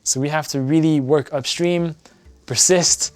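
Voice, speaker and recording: An earnest young man from France, answering interview questions with plenty of fillers and restarts. His voice sits a little high for a man, with faint music underneath. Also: steady tone, unhurried, no echo. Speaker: guest, environmental activist. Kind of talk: conversational interview.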